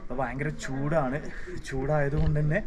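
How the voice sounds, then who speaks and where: A man's voice: fairly high pitch, little pitch movement, moderate pace, crowd noise. A man with a Malayali accent giving casual vlog narration, mixing many English words into his Malayalam. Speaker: travel vlogger reviewing a resort. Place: on location around a resort, rooms and rooftop. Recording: echoey, clearly noisy location sound.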